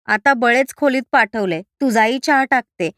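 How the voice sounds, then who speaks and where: A sharp-tongued older mother-in-law mutters and scolds without pause, voiced by a woman reading the story. Her complaints come high-pitched and grumbling. The recording is dry and close. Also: no echo, natural voice.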